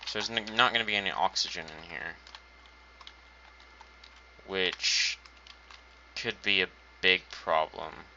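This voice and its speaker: Slow and low-pitched, he pauses often, his voice pushed and bright over slight background noise. The speaker is a gaming channel host offering laid-back let's-play commentary, thinking out loud as he builds and making wry, self-mocking comments, recorded lo-fi and dull at home.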